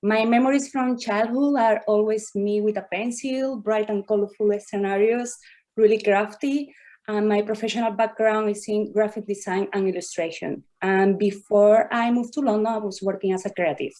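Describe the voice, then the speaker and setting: Woman, thirties, Spanish accent, careful halting phrasing, video call, mid pitch. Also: steady tone, mellow. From southern Spain. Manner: slow, careful, non-native phrasing with filler pauses. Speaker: contestant artist. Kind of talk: presenting her work on a video call.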